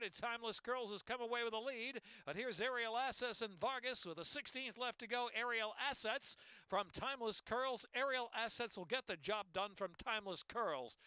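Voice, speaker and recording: Guy doing horse race caller commentary, bright forceful voice, dry close sound. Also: sits high, smooth, dry recording. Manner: running call, rising in urgency toward the finish.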